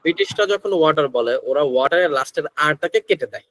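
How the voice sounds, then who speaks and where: A man's voice: on the high side, lively intonation, fast, fairly bright tone, slight background noise, low-quality recording. A man with a Bangladeshi accent, teaching an English pronunciation class who mixes Bengali with English phrases and keeps asking his students questions. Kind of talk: online class lecture.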